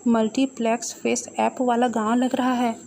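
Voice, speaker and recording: A woman voicing a cowardly, wisecracking young man in a spoken story, in her own fairly high voice. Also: flat delivery, creaky, a little mellow, a little hiss or hum. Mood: joking. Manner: goofy, quick with silly jokes.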